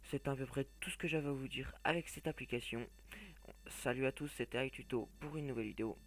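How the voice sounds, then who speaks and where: A man's voice: mid-range voice, quick pace, fairly bright tone, a little hiss or hum. A man reviewing phone game apps in a casual, hesitant voice-over, with blunt opinions, frequent fillers and restarts. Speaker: app reviewer.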